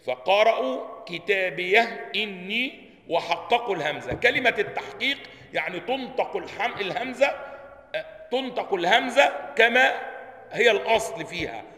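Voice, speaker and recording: A man's voice: high-pitched, animated, a little fast, sharp tone. A man with an Egyptian Arabic accent, a sheikh teaching Quran sciences, quizzing his listeners with repeated questions and sounding out pronunciations. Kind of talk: religious lesson explaining a text. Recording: long hall reverb, roomy.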